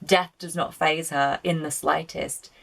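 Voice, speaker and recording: A woman's voice: sits low, fairly even intonation, a little slow, creaky, a bit bright. A woman giving casual video-essay film commentary, chatty, opinionated and prone to swearing. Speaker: film reviewer.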